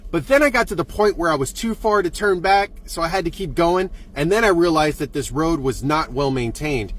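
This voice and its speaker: A man telling a wild driving story as a vlogger, excitable and profane, acting out scenes with sound effects. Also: on the high side, fairly quick. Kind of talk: animated storytelling.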